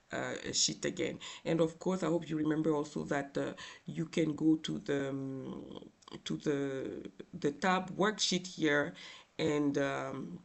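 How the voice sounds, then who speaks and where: Tearful man with a very creaky voice. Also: on the high side. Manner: halting, hesitant, frequent filled pauses. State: tearful, crying voice. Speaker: software tutorial instructor. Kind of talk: informal screen tutorial narration.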